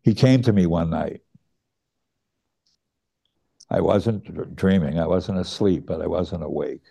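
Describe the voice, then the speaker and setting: A middle-aged man with a very low voice and a gravelly edge recounts a personal memory. He speaks slowly and reflectively, with hesitant pauses and a few restarted words. His tone is dark and mellow. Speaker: student recounting his teacher's death. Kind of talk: personal storytelling.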